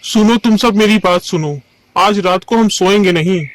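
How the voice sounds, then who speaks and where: A man's voice: high voice, normal speed, close to an everyday voice. Man doing a stern village man. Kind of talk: cartoon voice acting.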